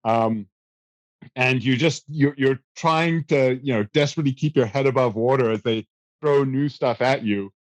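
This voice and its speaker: With loose, self-deprecating ease, a South African guest in his thirties offers casual interview answers about his earlier life, peppered with fillers and small restarts. He speaks at normal speed in an ordinary mid-range pitch. The close, dry recording has no echo, but the audio quality is poor.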